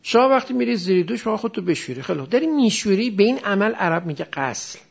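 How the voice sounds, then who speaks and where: A man's voice: high-pitched, sing-song, vocal fry, husky, highs cut off. A man teaching a class, explaining grammar step by step and quizzing his students with questions. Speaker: religious studies teacher. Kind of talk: classroom lecture on Quranic Arabic grammar.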